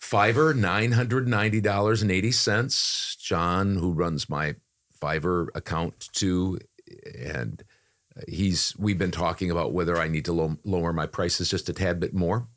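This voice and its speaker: An older man co-hosts a casual podcast, rambling and self-deprecating as he talks about his work as a voice-over artist. His voice is low-pitched and fairly bright in tone, and he speaks a little slowly.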